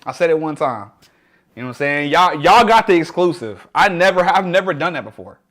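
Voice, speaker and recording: A man's voice: a little high, expressive, fairly quick. A young man casually chatting to his livestream viewers, laughing often and greeting them by name. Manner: drops to a hushed voice to share a secret. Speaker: livestream host.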